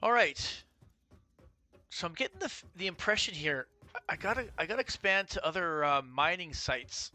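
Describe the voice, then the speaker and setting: Bright-voiced man thinking aloud. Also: on the high side, animated, moderate pace. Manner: thinks aloud with fillers and restarts. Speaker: streamer. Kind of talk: casual gameplay commentary.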